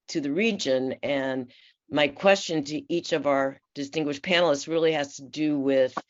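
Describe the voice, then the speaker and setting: A woman from the San Francisco Bay Area who sits on a commission, questioning panelists at a formal hearing in a measured, polite way with frequent fillers. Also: rumbling low. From San Francisco Bay Area, USA. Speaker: commission member. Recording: muffled, slightly dull audio.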